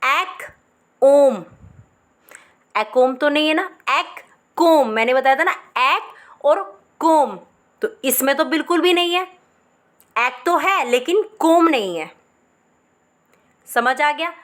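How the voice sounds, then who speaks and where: A woman's voice: sits high, animated, takes it slowly, long pauses. A woman teacher explaining English spellings, sounding words out syllable by syllable. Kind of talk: spelling lesson.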